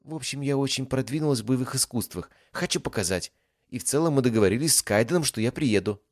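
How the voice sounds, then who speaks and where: A man's voice: medium pitch, fast, no room sound, studio quality, pitched above the performer's own voice, natural voice. A man voicing a haughty, teasing young noblewoman from a distant empire, in a sly, mocking lilt. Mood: playful. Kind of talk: audiobook character voice.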